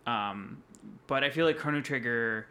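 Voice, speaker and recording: A man's voice: mid-range voice, unhurried, sharp tone. A young man co-hosting a casual gaming podcast, with a throaty, nasal voice, a bit tipsy. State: drinking while recording. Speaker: podcast co-host.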